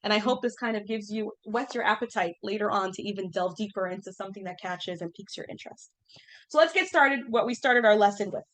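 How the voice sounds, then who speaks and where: A woman's voice: mid-range voice, quick pace, fairly bright tone. A woman in her thirties teaching an informal class, chatty and full of fillers, asking the group questions as she goes.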